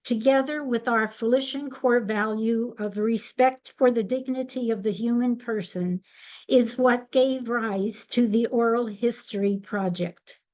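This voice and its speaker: Older female presenter, unhurried and deliberate, fairly high register. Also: darkish tone, rough recording. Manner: measured and deliberate. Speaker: webinar presenter. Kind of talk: slide presentation.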